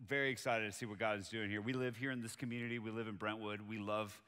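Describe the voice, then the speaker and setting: A man from Colombia, a native Spanish speaker, preaches to a church congregation in a chatty, personal tone. His voice is bright and forward. The sound carries a long hall reverb. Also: lowish voice, fairly even intonation, quick pace, clear, resonant tone. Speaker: pastor. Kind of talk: sermon. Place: church auditorium with live audience.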